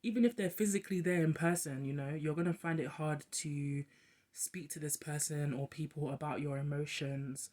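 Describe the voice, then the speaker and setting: Young adult host, casual monologue; quick and talkative, restarts often. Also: medium pitch, fairly even intonation, darkish tone.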